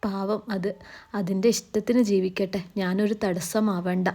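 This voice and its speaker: Woman storyteller, mellow soft narration, first person, earnest. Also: mid-range voice, flat delivery, a little slow.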